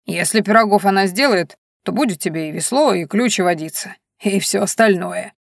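A woman's voice: mid-range voice, a little fast, vocal fry, no room sound, lightly acted. A stubborn, grumpy old forest spirit mumbles and lisps through his few teeth, as a woman puts him on for an audiobook. He is hard of hearing, contrary and sly. The voice is dry and close, with no room around it. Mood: cunning. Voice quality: mumbling, lisping old man's speech. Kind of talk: audiobook reading.

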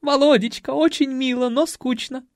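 A man's voice: extremely high pitch, fairly even intonation, darkish tone, no room sound, studio quality, voice pushed up. A man doing a swooning pampered society lady. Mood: languid. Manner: swooning, drawn-out.

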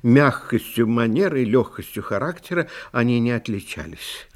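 In a children's fairy-tale audio play, a man voices a vain, fragile, sentimental Christmas tree bauble who recounts his story in a genteel, self-pitying, theatrical manner. His voice is mid-range with lively intonation, a moderate pace and light acting, and the mood is plaintive.

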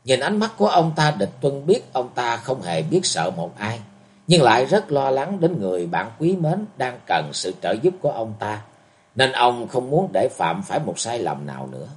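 A man narrating a martial arts novel as an audiobook, with expressive storytelling. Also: medium pitch, normal speed.

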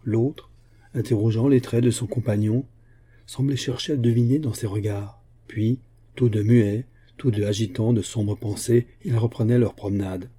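Man narrating with a dark, husky voice. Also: lowish voice. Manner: steady, measured reading. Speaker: audiobook reader. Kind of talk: audiobook narration.

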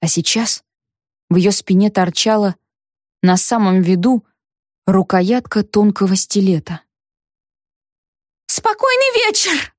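A woman's voice: medium pitch, fairly even intonation, a little mellow, dry recording. Dry, close female audiobook narrator. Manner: measured storytelling, first person. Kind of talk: scripted narration of a detective novel.

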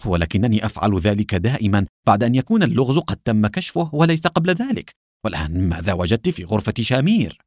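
Male reader as calm young cop, composed, lively delivery. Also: on the low side, fast talker, no echo, studio quality. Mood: curious. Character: calm young male police officer, clever.

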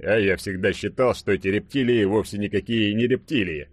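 A man reading an audiobook, voicing a brash burly young man who boasts and jokes loudly. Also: fairly low pitch, brisk, dry recording, natural voice. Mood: boastful joking. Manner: loud, swaggering, joking. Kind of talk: audiobook character voice.

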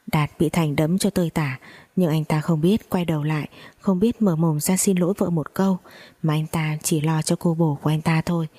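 A woman narrating a dramatic first-person family story in a steady reading voice with gossipy asides to listeners. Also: low-pitched, normal speed.

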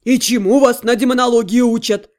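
A woman voicing a furious, capricious male high demon who bellows and shouts at people. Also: normal speed, lightly acted. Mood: roaring.

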